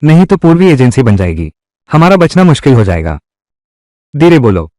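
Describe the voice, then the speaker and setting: Male dub actor, theatrical declamatory delivery, very animated pitch, dry booth sound. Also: moderate pace, dry recording. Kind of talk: dubbed historical drama dialogue.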